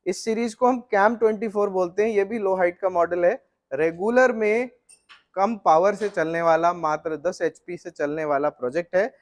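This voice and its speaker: A middle-aged man with a fairly high voice walks through flour mill machinery for the viewer. He explains each part in a steady, technical way. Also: moderate pace. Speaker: flour mill equipment seller. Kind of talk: explanatory product walkthrough.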